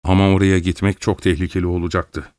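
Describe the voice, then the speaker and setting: A man reading an audiobook in a measured, dramatic storytelling manner. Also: low-pitched, little pitch movement, a little mellow, dry recording, studio quality. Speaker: audiobook narrator. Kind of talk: scripted audiobook narration.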